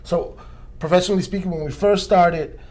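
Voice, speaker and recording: A man's voice: sits high, fairly quick, a little mellow. A man in his forties from Costa Rica, a DJ being interviewed, talking casually with many restarts and fillers.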